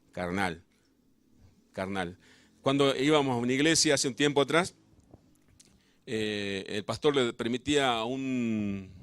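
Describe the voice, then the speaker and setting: An Argentine pastor preaching in a church, his voice building to emphatic, fervent peaks. The man's pitch sits in an ordinary middle range for a man. The sound is close and dry, with little room echo. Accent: Argentine Spanish. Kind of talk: sermon.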